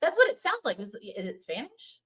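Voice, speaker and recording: Chatty, playful middle-aged American woman host; animated pitch, easy laughs. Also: a little fast. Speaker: podcast host. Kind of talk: casual chat.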